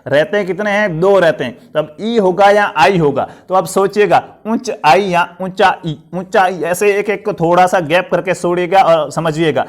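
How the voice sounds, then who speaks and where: A man's voice: high voice, normal speed, hardly any pauses. A man teaching a live online grammar class. He keeps asking questions and answering them himself, and he encourages the students.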